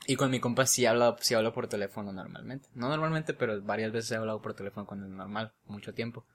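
A man's voice: on the low side, fairly even intonation, fast. A young man with a Mexican Spanish accent, chatting casually and telling a story full of slang, often laughing. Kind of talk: casual chat.

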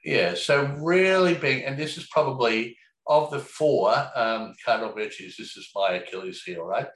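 In an echoey room, a man talks through a relaxed, reflective conversation, meandering with lots of filler words and a swear here and there. He has a mid-range, fairly bright voice and keeps to a normal speed.

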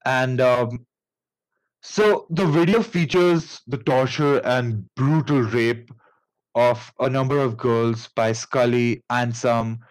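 Podcast host, male, Indian accent, unhurried rambling storyteller with lots of fillers. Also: mid-range voice, rough recording. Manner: rambling, halting, many fillers and restarts.

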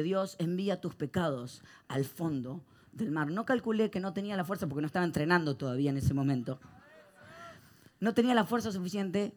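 A male pastor with a high-sitting voice preaches a sermon to a live congregation. He swings between hushed reflection and loud, animated storytelling.

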